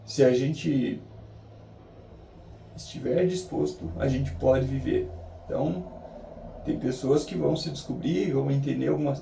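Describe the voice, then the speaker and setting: Dark-voiced, gravelly Brazilian man. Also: mid-range voice, a little hiss or hum. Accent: Brazilian Portuguese. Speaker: daily challenge vlogger. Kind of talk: reflective, motivational vlog talk. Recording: roomy echo, distant mic.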